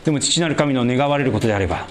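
Leading prayer during his sermon, this pastor uses lively intonation and stretches important words slowly, letting phrase endings sink low and soft. A faint hiss or hum runs underneath.

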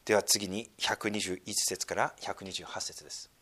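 A man giving a sermon, moving between quiet, low asides and emphatic, slow readings of scripture. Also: fairly even intonation, slightly rough. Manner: wide swings between hushed asides and emphatic raised reading; slows down to read scripture deliberately. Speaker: pastor.

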